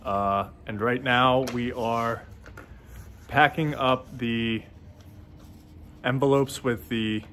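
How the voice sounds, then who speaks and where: In an indoor, empty warehouse and office, a twenty-something small business owner records a casual vlog on a phone at arm's length. He speaks slowly with frequent pauses, in a mid-range, fairly even and fairly bright voice, full of fillers and restarts, with slight background noise.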